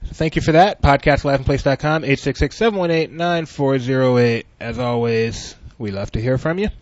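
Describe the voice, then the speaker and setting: A man's voice: medium pitch, fairly quick, dry recording. Man, podcast host, easygoing, dry close sound, lo-fi. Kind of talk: casual chat. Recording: dry, dull lo-fi audio.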